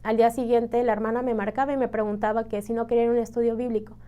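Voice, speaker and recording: A woman's voice: fairly high pitch, level tone, very fast, warm tone, dull audio. Earnest Mexican woman giving testimony. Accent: Mexican Spanish. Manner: earnest, emotional, frequent "¿no?" and "este" fillers. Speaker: church member giving testimony. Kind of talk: personal testimony.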